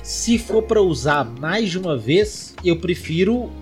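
A man's voice: high-pitched, very animated, slow. Man, Brazilian Portuguese accent, podcast co-host, casual slangy chat, faint music behind. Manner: laid-back slangy banter, laughs often.

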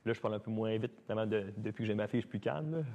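A man in his thirties with a Québécois accent, telling stories as a guest in a casual chat, animated and full of restarts. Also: lowish voice, muffled recording. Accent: Québécois French. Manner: fast, animated talker with many restarts. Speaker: guest dancer.

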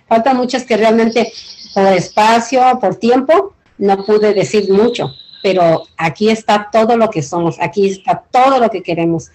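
A woman's voice: medium pitch, darkish tone, low-quality recording. A middle-aged or older woman with a Mexican accent giving an informal cultural presentation in an earnest, rambling, colloquial way. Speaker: invited community leader.

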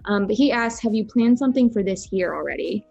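A woman's voice: mid-range voice, animated, fairly quick, creaky, a little mellow, dull audio, soft background music. A woman in her late twenties co-hosting a podcast, chatting and reading out listener questions. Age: late 20s. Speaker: podcast co-host. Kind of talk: casual podcast chat.

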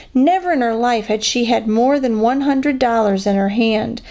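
A woman reading a children's novel aloud as a guest reader, with expressive dialogue. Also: a little high.

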